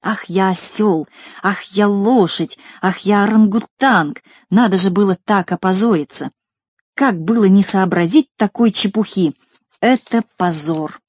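A woman voicing a clever, proud little male scientist from a storybook, who talks in loud, self-reproaching exclamations. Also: lowish voice, moderate pace, husky, no room sound. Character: small male shorty scientist, clever, proud, easily vexed.

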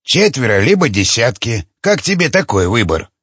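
Husky, sneering cynical fighter, played by a male narrator; dry sound. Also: medium pitch, very animated, moderate pace, fairly bright tone, no echo. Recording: dull lo-fi recording.

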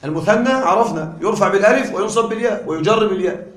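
A man teaching a grammar class, quizzing his students with frequent questions and repeating key points deliberately. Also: sits high, fairly bright tone, reverberant. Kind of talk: classroom lecture.

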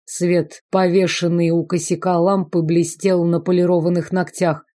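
A woman reading a first-person fantasy novel aloud in even, measured scripted audiobook narration. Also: on the low side. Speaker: audiobook reader.

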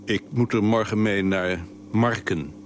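An actor playing a weary, laconic husband who answers in short, dry replies in a radio drama. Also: male voice, fairly low pitch, a little slow, slight background noise, natural voice. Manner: terse, dry, curt replies. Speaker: husband, office worker.

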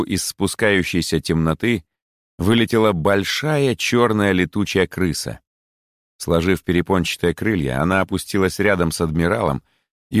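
A man narrating an audiobook story in an expressive, measured way. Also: low-pitched, dry recording, clean studio sound.

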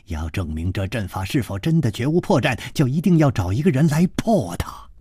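A male storyteller voicing a courteous, scheming young man who speaks softly and with drawn-out chuckles, in a traditional storytelling performance. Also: mid-range voice, sing-song, breathy edge, dry recording. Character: polite scheming young male host, smiling.

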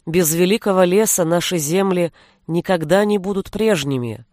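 A woman's voice: lowish voice, moderate pace, darkish tone, dry recording, natural voice. A woman reading an audiobook, voicing a stern old man, a grandfather and sorcerer, with a dry, commanding manner. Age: older.

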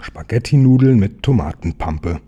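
A man's voice: on the low side, animated, normal speed, mellow, husky, highs cut off. A man voicing a lazy, cheerful little pig in a children's storybook, coaxing and sweet-talking.

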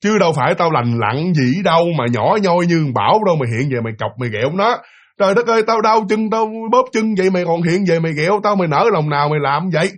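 Guy doing an annoyed auntie, whiny and pleading, a bit high. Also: expressive, fast talker. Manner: complaining, exasperated pleading. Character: aggrieved older aunt scolding a ghost.

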